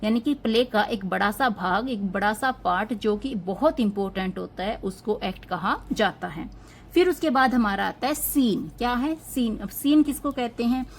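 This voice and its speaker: A woman teaching an exam-prep lesson on literary terms. She asks a question and answers it herself, and she slows down to spell out English terms. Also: on the high side, expressive, a little hiss or hum.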